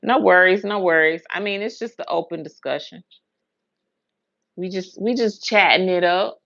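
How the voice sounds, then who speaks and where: At normal speed, an American woman with a fairly low, gravelly, fairly bright voice chats casually on a livestream, rambling through personal stories colloquially and repeating words for emphasis. She's a host and hairstylist from Huntsville, Alabama and Brooklyn, New York, and the recording is dry with the highs cut off.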